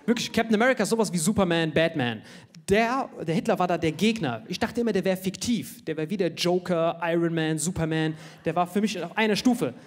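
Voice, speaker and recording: A man from India doing a stand-up comedy set, animated and jokey, who keeps tossing quick tag questions at the crowd. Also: sits high.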